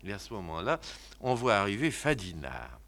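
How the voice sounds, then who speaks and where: A man reading out the stage directions of a comedy, one-man reading, in lowered confiding asides. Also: very animated, normal speed, creaky, a bit bright. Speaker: narrator reading a play alone.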